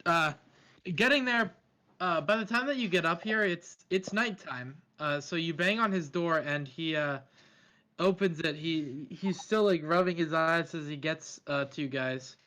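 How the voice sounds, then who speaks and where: A man narrating a tabletop game as dungeon master, halting and full of fillers. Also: a little high, pushed and bright. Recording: slightly dull lo-fi mic.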